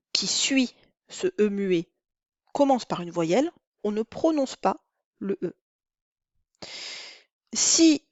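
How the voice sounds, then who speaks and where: A woman teaching a lesson on counting the syllables of verse, with a clear, deliberate delivery. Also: mid-range voice, mellow, no echo, dull audio. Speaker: French teacher. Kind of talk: recorded lesson.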